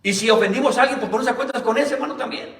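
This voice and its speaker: A male pastor preaching a Sunday sermon. He keeps calling the listeners "brother" and reads the scripture slowly and deliberately. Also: very high-pitched, fairly bright tone. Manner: tells personal stories in a plain conversational way. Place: church hall. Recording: roomy church hall, mic at a distance.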